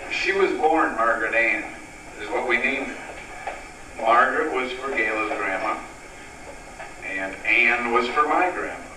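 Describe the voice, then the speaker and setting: A middle-aged man delivers a wedding toast as the proud father of the bride. His mid-range voice is deliberate and sentimental, with pauses between phrases. It echoes around the room, picked up from some distance away. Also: medium pitch, background noise.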